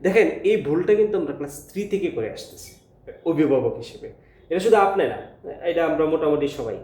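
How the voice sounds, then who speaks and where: A man's voice: fairly high pitch, lively intonation, fast talker, mellow. A male English teacher speaking informally to parents, hesitant, with many filler sounds, earnest. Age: adult with a school-age child. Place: classroom. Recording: echoey room, faint ambience.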